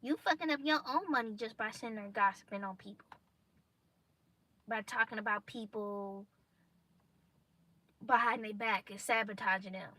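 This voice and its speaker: Young woman vlogger, slightly high, bright edge to the voice, blunt preachy delivery. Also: normal speed, pauses often. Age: young adult. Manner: emphatic, preachy, blunt slang. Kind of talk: casual motivational monologue.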